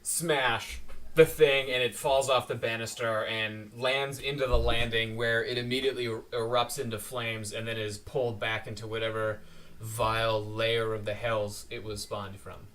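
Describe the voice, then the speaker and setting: A man running a tabletop game as game master, narrating the action in a relaxed, halting way with many fillers. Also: mid-range voice. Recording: distant mic with faint noise.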